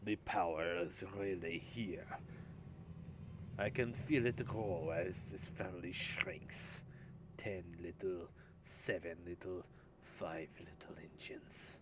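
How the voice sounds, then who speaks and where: A man puts on a sinister, haughty aristocrat with a mock German accent, gloating in a low, menacing register. The recording is noisy, with a clear hiss underneath. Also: fairly even intonation, takes it slowly. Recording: noisy home gameplay recording.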